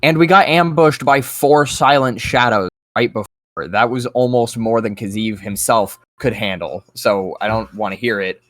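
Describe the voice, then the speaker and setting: A man's voice: medium pitch, normal speed, few pauses, fairly bright tone, no echo. A man playing in a tabletop game, chatting casually, often swearing and distracted while eating. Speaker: player.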